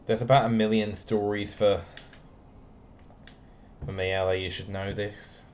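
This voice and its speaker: A man's voice: on the low side, little pitch movement, unhurried, darkish tone, a little hiss or hum. A young man casually chatting to viewers by name while he streams a game, dry and wry in manner. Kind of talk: casual live-stream chat while playing.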